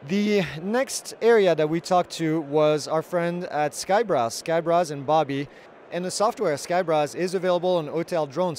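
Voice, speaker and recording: A man's voice: fairly high pitch, a little mellow, a little hiss or hum. A man in his thirties hosting drone news, reporting from a large convention hall into a handheld mic. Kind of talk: trade show report.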